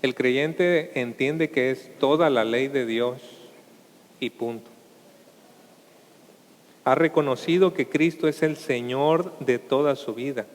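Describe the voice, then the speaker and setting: A man's voice: medium pitch, slow pace, pauses often. A man preaching a Sunday sermon as a pastor, addressing his listeners as brothers and asking them rhetorical questions. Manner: asks the congregation rhetorical questions. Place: church sanctuary. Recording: reverberant church hall.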